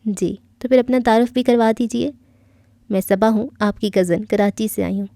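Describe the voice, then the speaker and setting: A reserved young woman, quiet and a little unsure, read by a woman in an audio novel. She speaks softly and hesitantly in a mellow voice. The sound is dry and close. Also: fairly high pitch, fairly even intonation, gravelly, dry recording. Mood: shy. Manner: soft, hesitant. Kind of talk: audiobook character reading.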